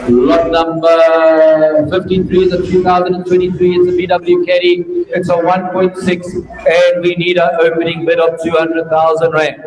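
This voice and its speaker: A man's voice: on the high side, monotone, moderate pace. A South African man working as an auctioneer, calling bids at a live auction in a repetitive, rhythmic patter. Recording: echoey hall, distant mic, crowd around.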